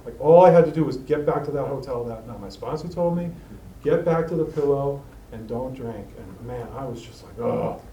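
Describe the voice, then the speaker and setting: A middle-aged man sharing his recovery story with a group, halting and rambling with many fillers and restarts, recorded in a meeting room. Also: medium pitch, dark tone. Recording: roomy, distant mic with faint hiss.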